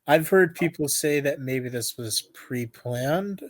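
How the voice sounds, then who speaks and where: A man's voice: mid-range voice, slow. A man co-hosting a podcast, chiming in with brief points in casual chat. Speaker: podcast co-host.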